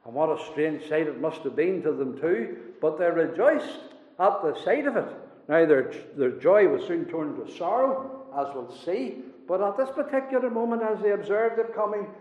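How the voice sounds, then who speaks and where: A man preaching a sermon with fervent, repetitive swells and sudden hushed drops. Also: high voice. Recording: roomy hall reverb, dull sound.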